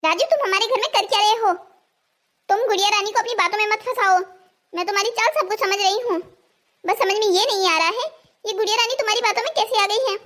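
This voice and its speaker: A woman's voice: very high voice, fast talker, fairly bright tone. A woman voicing a fussy, worried old grandmother in a cartoon story, scolding and alarmed. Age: older.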